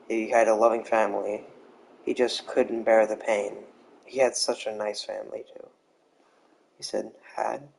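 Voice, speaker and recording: A man casually telling a made-up story, rambling and halting with restarts and the odd swear word. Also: fairly low pitch, creaky, a little hiss or hum, low-quality recording.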